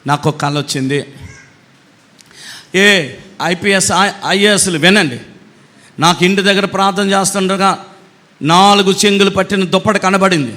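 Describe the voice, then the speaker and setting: A man's voice: high-pitched, moderate pace, long pauses, bright, forceful tone, long reverb tail, voice pushed up. A man acting out a bold male prophet who scolds officials, declaiming a long rising list. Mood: scolding.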